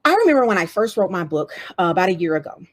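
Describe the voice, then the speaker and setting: A woman with a Southern US accent giving a lively, conversational motivational talk as a DEI speaker and author. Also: lowish voice, rapid-fire.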